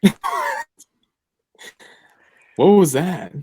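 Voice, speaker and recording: A man's voice: fairly high pitch, big pitch swings, very slow, mellow, a little hiss or hum. A young man co-hosting a fantasy football talk show, chatting casually and thinking aloud with lots of fillers. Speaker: fantasy football podcast co-host. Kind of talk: casual chat.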